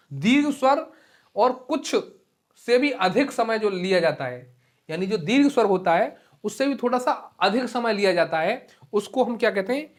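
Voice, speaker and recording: Casting note: male teacher in an exam-prep lecture, patient, repetitive, drags vowels out to demonstrate them. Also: very high voice. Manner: explains slowly, repeats key terms and keeps saying "ठीक है". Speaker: Hindi teacher.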